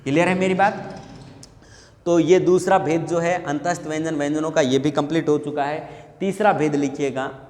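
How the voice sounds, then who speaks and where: In a room with long, echoing reverb, a man teaches a Hindi grammar lesson for exam prep, posing questions and answering them himself. His voice is fairly high and a little mellow, with a steady tone and normal speed.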